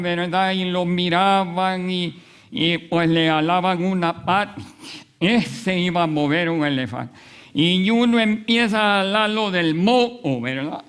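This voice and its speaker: A man preaching a sermon, telling a story with frequent pauses and fillers. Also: a little high, a bit bright. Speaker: pastor.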